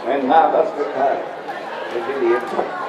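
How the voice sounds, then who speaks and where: An actor playing a grumbling, scheming old village potion-maker with a Sicilian accent in an amateur dialect stage comedy. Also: male voice, medium pitch, steady tone, unhurried, a loud crowd, natural voice. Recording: echoey hall from far off, noisy audience.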